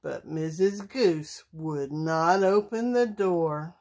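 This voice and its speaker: A woman reading a children's bedtime story aloud, slowly and expressively. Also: low voice, a little mellow.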